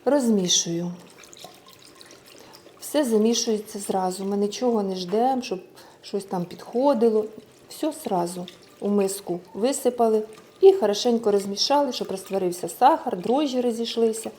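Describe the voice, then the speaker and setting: Mellow-voiced woman chatting through a recipe. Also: mid-range voice, normal speed, a little hiss or hum. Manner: chatty, explains each step as she works, addresses viewers as girls; speech mixed with Russian words. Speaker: home cook showing a recipe. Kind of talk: casual cooking tutorial.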